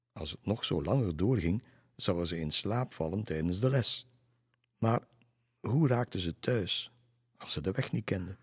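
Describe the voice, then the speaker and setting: A man calmly reading a children's story aloud. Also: fairly low pitch, breathy edge, dry recording, clean studio sound.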